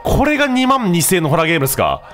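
A man doing casual, mocking gameplay commentary as a streamer, breaking into sudden loud outbursts. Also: high voice, wildly swooping pitch, racing, soft background music.

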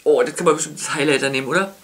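A woman chatting casually as she unboxes makeup, gushing with many soft whispered asides. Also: sits low, very fast, slight background noise. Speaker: beauty vlogger.

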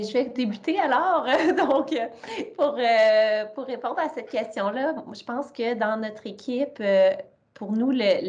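A woman's voice: fairly high pitch, darkish tone. A woman in her thirties, a professor, speaking earnestly on an online panel through an earphone mic, with frequent fillers. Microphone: earphone headset mic on a video call.

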